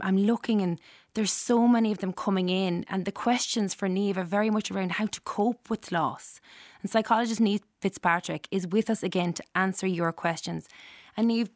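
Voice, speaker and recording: A woman's voice: mid-range voice, no echo, clean studio sound. A woman with an Irish accent hosting a talk show, presenting and interviewing. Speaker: host.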